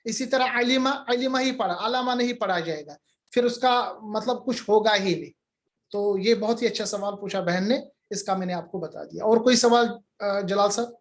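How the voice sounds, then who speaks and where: A man's voice: high voice, moderate pace. A male teacher giving an online grammar lecture, patiently repeating examples and answering student questions.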